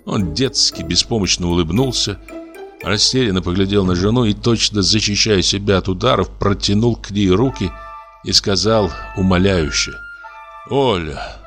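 A man narrating a literary story in a measured, expressive reading. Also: fairly low pitch, faint music behind. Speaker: audiobook narrator.

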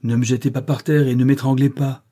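A man reading a storybook, voicing a brusque, commanding gentleman who orders his guests about in a raised voice. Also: medium pitch, level tone, fairly quick, husky, lightly acted. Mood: forceful. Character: commanding gentleman master of a manor.

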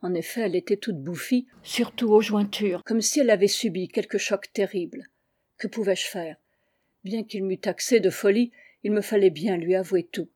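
Reading a classic tale aloud as first-person narration, this audiobook reader has a mid-range, slightly mellow voice with a breathy edge. She keeps a normal speed, yet her delivery feels tense and feverish.

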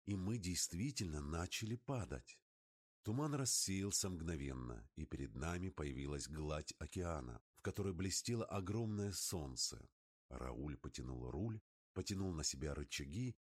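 A man giving an expressive first-person narration of an adventure story as an audiobook. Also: low-pitched, slightly rough.

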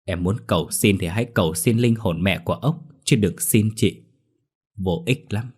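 A male narrator playing an icy young wife who refuses a plea with calm, measured detachment. The voice stays low and husky, slow and unmoved, like a line in a spoken horror story. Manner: cold, flat, measured. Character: cold, detached young wife, icily dismissive.

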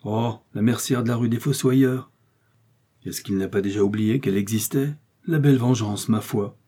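A man voicing a young, cold and cruel noblewoman with a shrill voice and a haughty, scolding manner. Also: normal speed, slightly rough. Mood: venomous. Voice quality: shrill, sharp.

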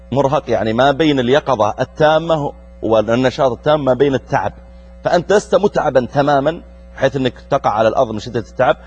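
A middle-aged preacher from Saudi Arabia hosts a youth show, engaging his young audience directly and asking them questions in a lively way. His mid-range voice is husky with a darkish tone, and the recording sounds muffled.

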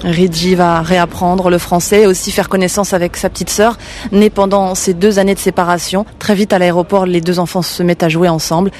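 A woman's voice: fairly low pitch, flat delivery, fairly quick, darkish tone, slight background noise. Woman radio reporter reading a story. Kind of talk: scripted news report.

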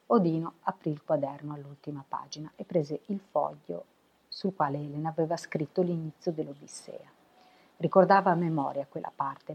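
A woman reading a novel aloud for web radio, steady and unhurried. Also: low voice, slightly rough, lo-fi sound. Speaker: volunteer reader.

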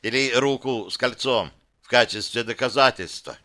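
A man's voice: medium pitch, normal speed, bright, forceful tone, lightly acted. A man voicing a smug, coarse male kidnapper who speaks in a smirking, offhand way.

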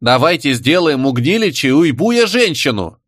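A man voicing a sly, brash young savage girl stirring up a crowd, shrill and cocky. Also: big pitch swings, normal speed, fairly bright tone, no room sound, studio quality. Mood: rousing. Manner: shrill, cocky, rabble-rousing.

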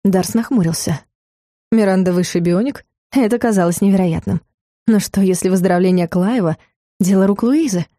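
A woman reading an audiobook in an even, measured manner. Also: medium pitch, no room sound, studio quality. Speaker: audiobook narrator. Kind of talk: scripted audiobook narration.

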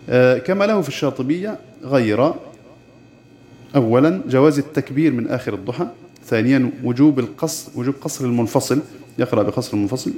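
A man teaching the rules of Quran recitation, explaining plainly with pauses of "aah" and slowing down to chant the verses he quotes. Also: medium pitch, darkish tone, a little hiss or hum. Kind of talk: tajweed lesson with recited examples.

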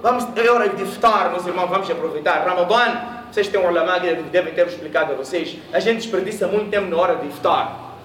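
A man's voice: high voice, fast, a bit bright. A man from Mozambique preaching a sermon in a mosque hall, telling a story and questioning his audience. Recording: echoey room, voice from a distance.

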